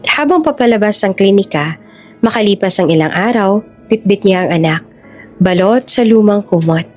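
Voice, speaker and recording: A woman narrating a scripted story in an even, measured way. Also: mid-range voice, soft background music.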